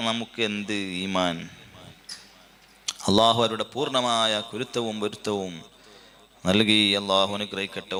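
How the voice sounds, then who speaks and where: A man's voice: fairly low pitch, sharp tone. A man giving a sermon, asking many rhetorical questions. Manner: rhetorical questions, emphatic rises. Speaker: Islamic preacher.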